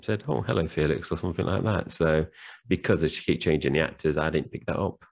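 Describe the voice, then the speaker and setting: A man's voice: extremely low pitch, fairly quick. A man co-hosting a film podcast, chatting casually and retelling scenes with lots of fillers. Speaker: podcast co-host. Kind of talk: casual film review chat.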